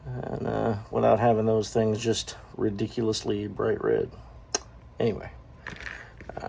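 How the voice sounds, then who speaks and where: A man's voice: mid-range voice, creaky, dark tone, breathy edge. A man hosting his own toy review show, talking through an unboxing in a rambling, chatty way, often correcting himself with a chuckle. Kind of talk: casual unboxing chat.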